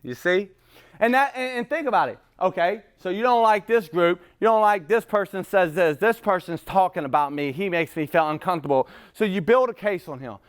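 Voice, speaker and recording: A man with a high-pitched voice gives a raw, unscripted share at a recovery meeting. He swears freely and talks emphatically. He rambles, restarts and repeats himself, and breaks into laughter between his points. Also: fairly quick, smooth. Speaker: speaker sharing at a recovery meeting.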